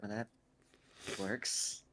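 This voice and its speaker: Woman, tabletop player, slow unhurried drawl, wry asides. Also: fairly bright tone. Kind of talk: casual tabletop game play.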